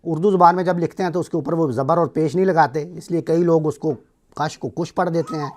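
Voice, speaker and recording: A man's voice: on the high side, steady tone, a little mellow. Man lecturing a class step by step. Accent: Pakistani. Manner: explains step by step, asks students questions. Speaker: teacher.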